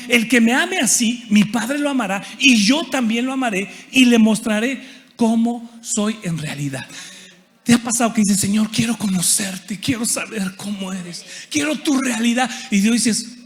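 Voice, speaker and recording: A man delivers a lively conference sermon, his voice pitched very high and full of energy. He keeps turning to the audience with questions and acts out little quoted exchanges as he teaches from the Bible. The sound carries a long reverb from a large church auditorium.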